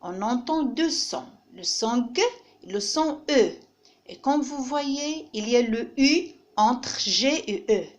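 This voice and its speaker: A woman's voice: on the high side, lively intonation, slow pace. A woman teacher giving a reading lesson to young children, patiently repeating each word and splitting it into syllables. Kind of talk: French phonics lesson for children.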